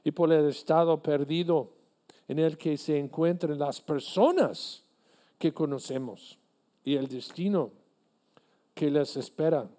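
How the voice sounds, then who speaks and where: Slow, mellow-voiced male preacher. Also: mid-range voice. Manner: earnest, deliberate preaching with halting restarts. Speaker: pastor. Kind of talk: sermon.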